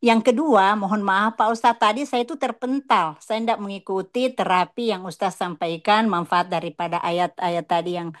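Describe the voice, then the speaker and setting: A woman's voice: medium pitch, moderate pace, few pauses. A woman from Makassar calling into an online religious study session, asking questions politely and deferentially. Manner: polite, deferential, repeats her thanks. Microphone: online call.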